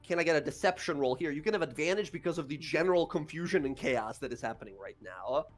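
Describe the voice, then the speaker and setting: Lively game master narrating. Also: mid-range voice, quick pace. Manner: loose, chatty narration with many fillers. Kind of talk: narrating a tabletop game stream.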